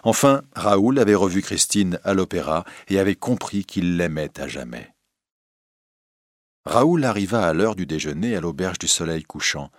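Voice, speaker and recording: A man narrating a classic novel as a read-aloud audiobook at a steady storytelling pace. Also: low voice, moderate pace, no echo, clean studio sound.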